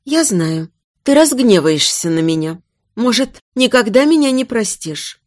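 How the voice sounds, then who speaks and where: A woman's voice: a little high, sing-song, unhurried, no room sound, studio quality. A woman playing a frantic pleading young queen. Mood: urgent. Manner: raised, pleading, near tears.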